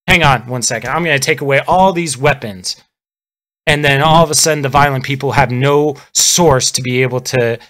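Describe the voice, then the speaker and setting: A man's voice: medium pitch, a bit bright. A man on a live stream, ranting about politics in a heated, sarcastic way. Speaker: livestreamer.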